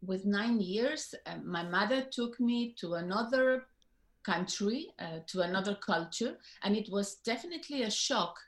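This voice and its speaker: A woman in her fifties with a Spanish accent speaks reflectively, pausing and restarting her sentences as she searches for words. Her voice sits in a middling range and carries a noticeable room echo. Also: medium pitch, expressive. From Spain. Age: 50s. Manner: reflective, halting with many fillers and restarts. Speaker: guest. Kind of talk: interview conversation.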